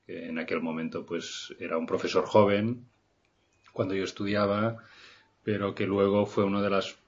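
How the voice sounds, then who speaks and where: This guest, an architect and middle-aged man from Barcelona, Spain, talks reflectively on an interview podcast, hesitating and restarting many times at a measured pace. He has a deep, breathy-edged voice with a flat delivery, captured in a slightly muffled recording.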